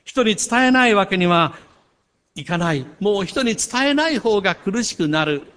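A male pastor delivers a sermon in a slightly higher-pitched voice. He speaks earnestly, pressing his key points with rising volume. When he turns to a personal story, he drops into a softer, more confiding tone. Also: animated, moderate pace.

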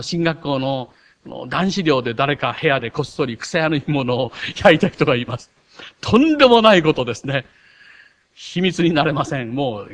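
A man preaching a sermon as pastor, animated, with self-mocking asides. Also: on the high side. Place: church.

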